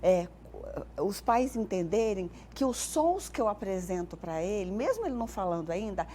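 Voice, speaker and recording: A Brazilian woman speaking as a guest on a morning TV show, explaining in a clear, teacherly way and playfully mimicking animal and nature sounds. Her voice sits at a medium pitch. A faint hiss of noise runs underneath. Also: normal speed. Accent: Brazilian Portuguese. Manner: explanatory, animated when acting out sounds for children. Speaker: speech therapist guest.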